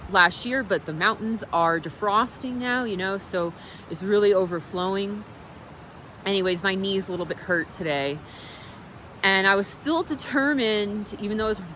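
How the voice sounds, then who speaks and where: A woman vlogger giving a casual, motivational monologue, speaking candidly and reflectively with halting pauses. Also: medium pitch, a bit bright, slight background noise.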